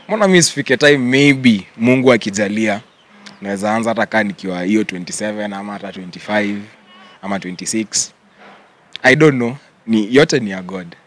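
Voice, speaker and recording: A young man with a Kenyan accent, answering interview questions in a relaxed way and mixing English with Swahili slang. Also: fairly low pitch, slight background noise. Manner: relaxed, mixes English and Swahili slang, says "yeah" often. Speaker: content creator guest.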